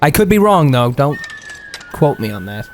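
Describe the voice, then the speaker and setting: A man's voice: sits high, huge pitch swings, moderate pace, slight background noise. A man giving casual, critical video game commentary in a blunt, exasperated, sweary way. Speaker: video game let's player. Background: video game music.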